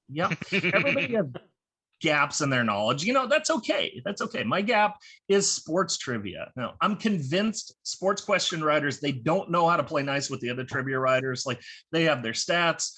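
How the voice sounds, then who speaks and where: An American man doing self-deprecating stand-up comedy over a video call, halting with fillers and restarts. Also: fairly high pitch, animated, sharp tone. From United States. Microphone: video call from home.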